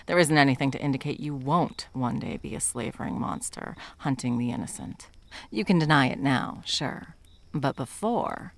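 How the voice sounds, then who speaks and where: In an intimate ASMR roleplay, a woman voices a wry, menacing monster hunter who is sadly in love. Her full character voice is rumbling and low with vocal fry, a bit bright, and her theatrical, sardonic delivery dips into whispers.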